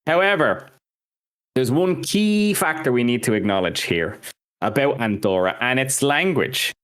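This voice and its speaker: A music history podcast co-host, a native speaker of Irish and English, talks casually through scripted notes and jokes about his own mispronunciations. His medium-pitched voice is smooth and fairly bright, with lively intonation and an unhurried pace.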